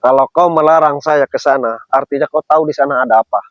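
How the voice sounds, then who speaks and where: Fast-talking man grilling a stranger. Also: a little high, dry recording, dull audio. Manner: insistent repeated questioning; exasperated sighs. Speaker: vlogger. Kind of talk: confrontational vlog on the move. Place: outdoors on a hill trail.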